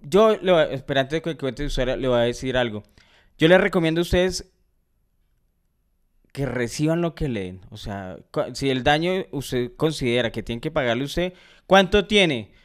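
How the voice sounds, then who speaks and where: Bogotá guy, smooth resonant voice, mid pitch, laid-back slangy storyteller. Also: moderate pace. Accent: Colombian, Bogotá. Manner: relaxed storyteller who gives friendly advice, slangy. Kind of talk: casual chat, storytelling.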